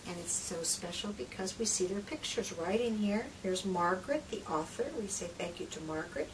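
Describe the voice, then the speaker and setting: Reading a picture book to young children, this middle-aged woman, who presents and trains others in read-alouds, speaks at a medium pitch with gentle expression, stretching out phrases, slipping into hushed whispers and posing questions to her listeners. She sits in a small room lined with picture books. The distant camera microphone captures clear background room noise.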